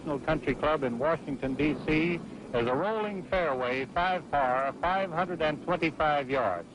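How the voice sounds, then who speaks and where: A man's voice: fairly high pitch, normal speed. A man giving golf commentary on a televised match in a folksy play-by-play manner. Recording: noisy old broadcast audio.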